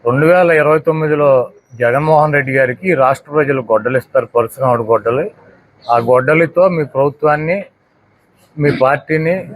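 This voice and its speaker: A man's voice: a little high, slight background noise. A man giving a heated political press statement, firing off rhetorical questions one after another. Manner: combative, fires rhetorical questions. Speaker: political spokesperson at a press meet.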